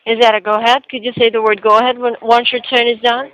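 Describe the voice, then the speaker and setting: A woman working as a relay operator, reading typed messages aloud in a flat, scripted way. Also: fairly high pitch, fast, muffled recording. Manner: flat, scripted reading, even when the words are rude.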